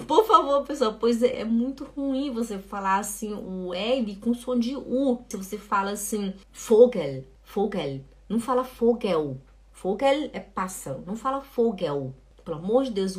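A woman teaching a live online German lesson, emphatically drilling the pronunciation of a letter and pleading with her students. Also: fairly high pitch.

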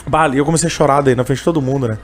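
A man's voice: medium pitch, very fast, a little hiss or hum. A man telling a personal story in a casual interview, emotional and full of fillers. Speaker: interviewee, candy seller who sings on trains.

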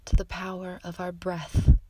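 Calm lady talking you through a meditation, really slow, soft and half whispered, dry close sound. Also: on the low side, no room sound, low-quality recording. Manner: soft, slow and soothing, drifting often into whispers. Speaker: meditation guide. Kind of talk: guided meditation narration.

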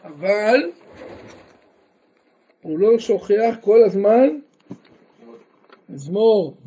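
Male rabbi, Torah lesson, very high-pitched, mellow tone, asks and answers his own questions, dull lo-fi sound. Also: animated, slightly rough. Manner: asks the listeners questions and answers them himself; breaks into emphatic raised outbursts. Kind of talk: Torah lesson to a live group. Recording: dull lo-fi recording.

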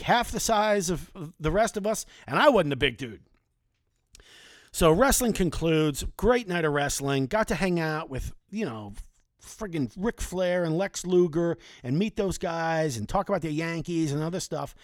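A man's voice: a little high, animated, normal speed, dry recording, clean studio sound. Chatty man telling old stories. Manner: chatty, conversational, with mild swearing. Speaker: storyteller. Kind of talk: casual anecdotal storytelling.

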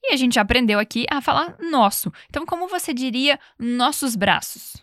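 A woman teaching English, explaining phrases and leading repetition drills, saying the English examples slowly and clearly. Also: high voice, expressive, a bit bright, no room sound, studio quality. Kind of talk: language lesson with repetition drills.

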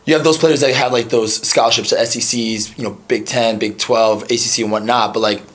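A young man hosting a podcast, talking casually with lots of fillers and quick agreeing interjections. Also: mid-range voice, fairly even intonation, fairly bright tone. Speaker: podcast host. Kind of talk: casual chat.

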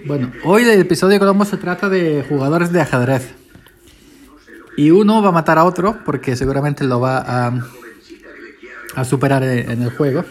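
Middle-aged Spaniard, farm laborer hosting a loose chatty podcast, a touch high in pitch. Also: male voice, normal speed, pauses often. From Spain. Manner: chatty, eats while talking. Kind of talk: casual rambling podcast monologue.

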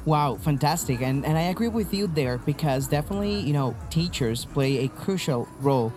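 A man's voice: fairly high pitch, animated, moderate pace, over music. A man hosting an interview podcast, upbeat and encouraging, often saying "you know". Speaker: podcast host, faculty manager.

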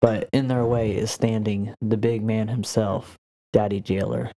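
A man's voice: on the low side, steady tone, unhurried, warm tone, rough recording. A young man narrating as game master, loose and joking, with a lot of fillers.

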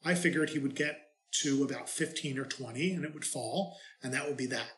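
A man, a priest, reads scripture and gives a homily in an unhurried way with light, self-mocking humor, his voice carrying a cathedral echo. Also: mid-range voice, a bit bright. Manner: plain, unhurried reading that turns to light, self-mocking storytelling. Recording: echoey church reverb.

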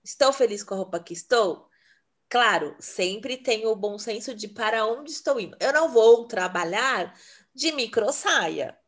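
Woman, higher pitch, casual and chatty, laughs easily. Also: lively intonation, fairly bright tone. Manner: chatty and laughing, quick asides. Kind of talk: casual chat.

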